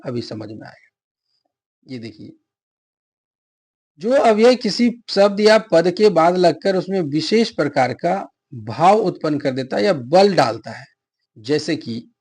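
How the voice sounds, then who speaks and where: A man's voice: a little high, darkish tone, breathy edge. A middle-aged man teaching a grammar lesson for exam preparation, explaining patiently with spoken examples and asking and answering his own questions. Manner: asks viewers to subscribe and comment.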